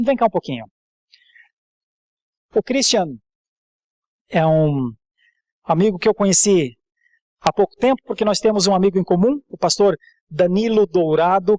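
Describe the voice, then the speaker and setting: A man's voice: high voice, no room sound, studio quality. A man with a Brazilian accent speaking as a church leader, exhorting and introducing a guest, often repeating his phrases. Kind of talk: sermon and informal introduction.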